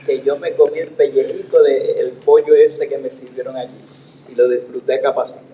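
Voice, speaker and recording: A man's voice: medium pitch, moderate pace, reverberant, highs cut off, a little hiss or hum. A man in his eighties with a Puerto Rican Spanish accent, telling stories in a theatrical, declaiming manner, a retired theater teacher. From Puerto Rico. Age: 80s. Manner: theatrical, declaiming with expressive intonation. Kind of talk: anecdotal storytelling performance with recited poetry.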